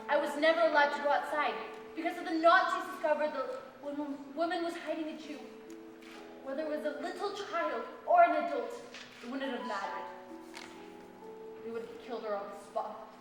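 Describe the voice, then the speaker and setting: A woman's voice: high voice, natural voice. A woman playing a survivor who was hidden as a child, firm and emphatic, repeating her points on a stage. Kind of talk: stage testimony monologue. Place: school stage. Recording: echoey hall, mic far off.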